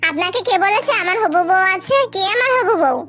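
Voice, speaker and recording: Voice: extremely high pitch, animated, a little fast, over loud music. A voice actor playing a clueless young man who protests in confusion, in a cartoon. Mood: puzzled.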